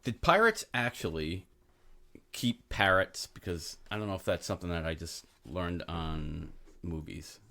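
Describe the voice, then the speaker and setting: Super low-voiced guy hosting a podcast, laid-back and curious. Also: expressive, a little slow, sharp tone. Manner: easygoing, asks questions, laid-back. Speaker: podcast host. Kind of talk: casual chat.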